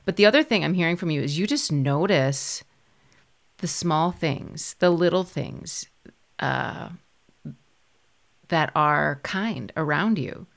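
A woman's voice: sits low, lively intonation, slow, gravelly, long pauses. A woman hosting a conversational interview, reflecting back what her guest says. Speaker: interviewer, show host.

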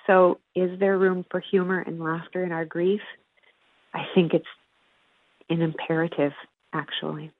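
A woman guest, a psychology professor and author, telling a personal story in an earnest, measured way with long pauses. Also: fairly low pitch, little pitch movement. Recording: tinny phone-like line, dry.

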